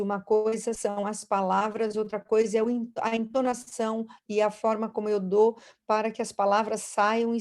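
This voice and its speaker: A woman lecturer teaching a university class over a video call. Her voice is mellow and warm at a mid pitch. She explains patiently and often stops to rephrase mid-sentence. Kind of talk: online lecture.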